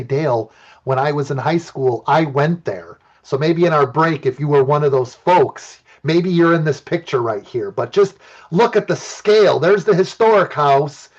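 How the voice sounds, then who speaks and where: A fairly high-voiced man, from Illinois, lecturing about archaeology with enthusiastic, chatty storytelling. His voice comes through a computer mic on a video call. The audio is dull and lo-fi. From Illinois, USA. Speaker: archaeologist giving a talk. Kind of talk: lecture with personal anecdotes.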